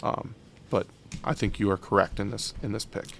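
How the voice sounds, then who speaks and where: A man's voice: on the low side, steady tone, normal speed, vocal fry, a bit bright, a little hiss or hum. A man co-hosting a sports podcast, talking casually and loosely with many fillers and restarts. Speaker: podcast co-host.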